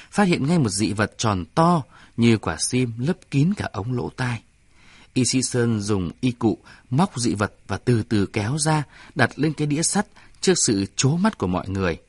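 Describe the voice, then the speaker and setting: A man reading a story aloud in a measured storytelling manner. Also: mid-range voice, breathy edge, dry recording. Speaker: narrator. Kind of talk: scripted story narration.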